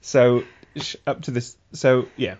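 A man's voice: medium pitch, little pitch movement, measured pace, darkish tone, highs cut off. A man hosting a casual podcast chat, patiently explaining the backstory of a comic series. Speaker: podcast host.

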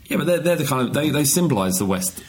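A man's voice: on the high side, very animated, fast talker, slight background noise. A man hosting a podcast in casual, bantering chat, speaking bluntly. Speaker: podcast host.

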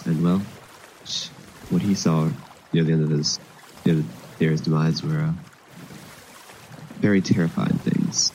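A man with a very low, mellow voice, telling his pirate tale in a role-play chat. He talks haltingly, stopping and restarting often with fillers. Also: steady tone, a little hiss or hum, poor audio. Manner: halting, hesitant with many fillers.

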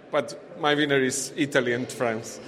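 A man's voice: a little high, sharp tone, slight background noise. Man, plain English. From Slovenia. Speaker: Eurovision fan.

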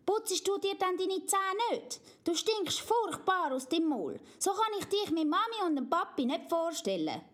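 A woman's voice: very high voice, sing-song, normal speed, few pauses, voice pushed up. A woman with a Swiss German accent voicing a small girl princess, eager and stubborn, in a storybook reading, with a pleading manner. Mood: teasing.

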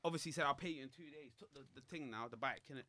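A man's voice: mid-range voice, very fast. A young man with a London roadman accent telling a story in casual, repetitive street slang, acting out quotes as he goes. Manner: animated, slangy, repetitive retelling with acted-out quotes.

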